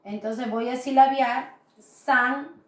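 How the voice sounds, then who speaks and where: A woman's voice: high-pitched, fairly even intonation, fairly bright tone, reverberant, far from the mic. A woman teacher giving a recorded grammar lesson, explaining patiently and checking in with her students often. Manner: slow, patient explaining with frequent "¿verdad?" tags.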